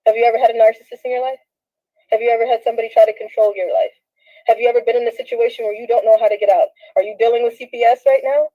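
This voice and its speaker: A woman's voice: a little high, fairly even intonation, racing. A woman in her thirties from Southern California, talking straight to viewers in a rambling, slangy monologue while shaky and laughing through tears. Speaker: vlogger. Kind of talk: emotional direct-to-camera monologue. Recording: dull lo-fi phone audio.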